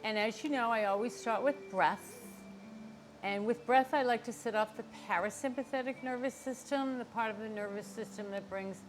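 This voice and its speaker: An older woman leads a yoga class in a fairly high voice. She explains each step in an encouraging way, speaking straight to viewers. Music plays clearly behind her. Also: rough recording. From Boston area, United States. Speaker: yoga instructor. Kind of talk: instructional class talk to viewers.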